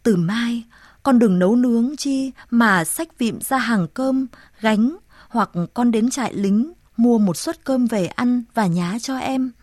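A woman reading aloud and voicing a frail, dying mother who speaks in a weak, sighing hush. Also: a little high, takes it slowly, no room sound, clean studio sound. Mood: tender.

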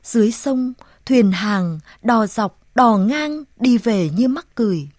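A woman narrating a story aloud in a measured, solemn reading voice. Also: a little high, animated, a little mellow, no room sound, clean studio sound. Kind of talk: audiobook narration.

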